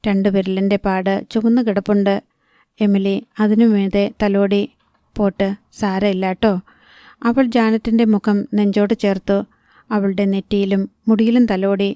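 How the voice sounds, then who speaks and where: A woman narrating a novel as an audiobook, reading in a steady, unhurried way at a close microphone. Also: mid-range voice, no room sound.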